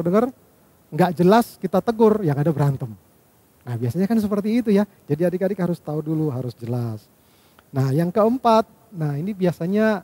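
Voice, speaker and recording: A man with a slightly raised, mellow voice delivers a devotional lesson to young listeners. He talks patiently, counting off numbered points and checking in with his audience as he goes. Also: a little high, dry recording. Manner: patient, lays out numbered points, ends phrases with "ya" and "gitu ya".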